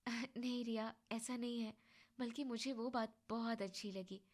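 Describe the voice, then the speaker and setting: A woman voicing a shy, gentle young wife who speaks softly and hesitantly. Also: fairly high pitch, steady tone, moderate pace, lightly acted. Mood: tender. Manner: soft, quiet and hesitant.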